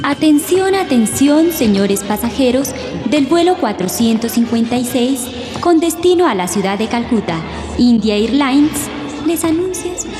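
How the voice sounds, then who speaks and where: An actress playing an airport announcer in a radio drama, making formal, measured airport announcements to passengers. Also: female voice, sits high, animated. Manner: formal, measured repetition of calls. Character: female airport public-address announcer calling passengers. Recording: echoey PA hall, music behind.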